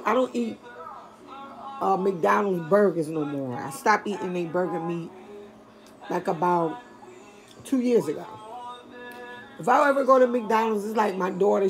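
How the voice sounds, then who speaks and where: A woman's voice: medium pitch, a little slow, pauses often, faint music behind. Chatty older woman reviewing food. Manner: chatty, talks straight to viewers. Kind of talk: casual chat to camera.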